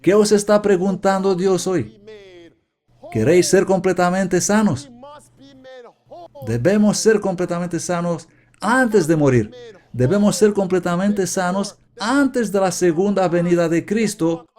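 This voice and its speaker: Slow, emphatic man preaching. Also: high-pitched, a little mellow. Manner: emphatic, repeated questions to the congregation; earnest, confessional. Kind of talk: sermon.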